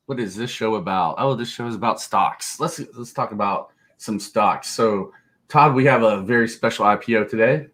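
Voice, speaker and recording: Low-voiced, jokey male stock co-host. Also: a little slow, a bit bright. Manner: jokey, laughs easily, blunt and a bit profane. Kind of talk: casual livestream market chat.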